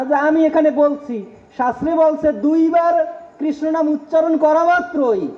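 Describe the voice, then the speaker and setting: High-voiced man preaching in echoey hall. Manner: repetitive, emphatic, rising call-and-response. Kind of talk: devotional sermon. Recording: dull, echoey hall sound.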